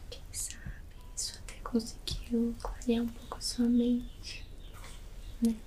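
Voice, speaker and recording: A Brazilian woman doing a whispered role-play as a massage therapist, soothing and gently guiding in a soft, breathy whisper. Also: fairly high pitch, completely flat delivery, slow pace. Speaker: ASMR performer playing a massage therapist.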